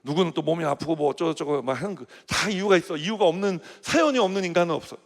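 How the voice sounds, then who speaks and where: A man's voice: on the high side, rapid-fire, voice pushed down, lightly acted. A man playing young male choir member, sheepish, mumbling excuses, reverberant hall.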